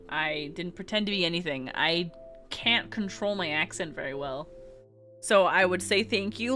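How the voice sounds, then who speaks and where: With a lowish, somewhat bright voice and an American West Coast accent, a woman chats casually with viewers while reading live chat on her game stream. She giggles and rambles, restarting often.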